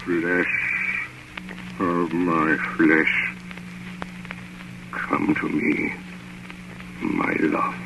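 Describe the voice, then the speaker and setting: A sepulchral male vampire count intones in a very low voice, drawing every phrase out extremely slowly. He is possessive and hypnotic, in the manner of old radio horror. The recording is dull and noisy. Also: creaky, full character voice. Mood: seductive, commanding. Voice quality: deep, sepulchral. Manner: slow, solemn, incantatory. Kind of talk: 1930s radio drama acting.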